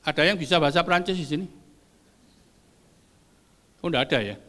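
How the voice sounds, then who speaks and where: Older male pastor, bright high voice, playful preaching with long hall reverb. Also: moderate pace. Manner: lively, joking with the congregation, mixing in Javanese. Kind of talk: sermon. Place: church hall.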